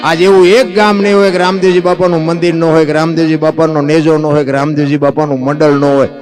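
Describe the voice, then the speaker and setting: A man's voice: a little high, flat delivery, fast, a little mellow, soft background music. A man with a Kathiyawadi Gujarati accent giving a folk devotional storytelling talk on stage. He asks many rhetorical questions and calls his listeners "bapu".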